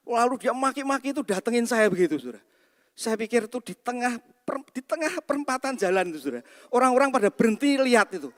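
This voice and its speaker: A man preaching a sermon as pastor, telling a personal story and often turning to address the congregation directly. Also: sits high. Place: church hall. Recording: long hall reverb in a church.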